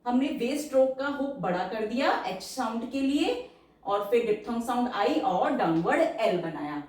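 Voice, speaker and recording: A woman teaching shorthand step by step, patiently checking that each word is clear. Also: a little high, animated, darkish tone, recorded from a distance. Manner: slow, patient, checks understanding. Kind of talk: step-by-step lesson explanation. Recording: echoey room, voice away from mic.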